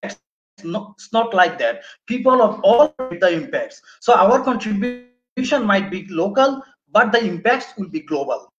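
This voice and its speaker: A man from Bangladesh in his thirties with a Bangladeshi accent, giving an academic presentation over a video call, halting with many fillers and restarts. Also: high voice, big pitch swings, faint music behind. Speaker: webinar speaker. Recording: muffled online call audio.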